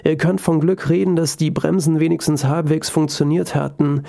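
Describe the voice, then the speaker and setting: A man voicing a calm firefighter in a story, explaining plainly. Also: a little high, moderate pace, creaky. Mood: matter-of-fact. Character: calm male firefighter, matter-of-fact.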